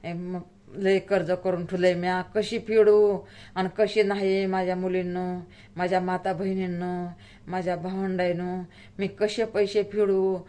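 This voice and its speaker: A woman's voice: on the low side, little pitch movement, unhurried, dark tone. A middle-aged woman vlogging about her worries, speaking in a pleading, tearful way and close to crying. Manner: pleading and tearful, rural Marathi speech. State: close to tears. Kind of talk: emotional personal vlog talk.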